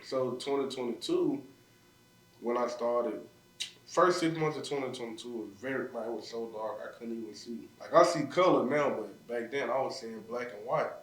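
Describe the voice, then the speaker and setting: A man's voice: medium pitch, moderate pace. Memphis man telling a raw story, roomy. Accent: Memphis Southern US. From Memphis, USA. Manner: raw, emotional, frequent "like" fillers. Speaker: podcast guest. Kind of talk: personal storytelling in conversation. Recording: roomy sound, mic at a distance.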